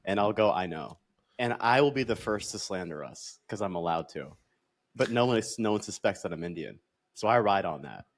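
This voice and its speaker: A man's voice: fairly low pitch, expressive, a little fast. A man in his twenties co-hosting a podcast, joking loosely and swearing casually. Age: 20s. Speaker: podcast co-host.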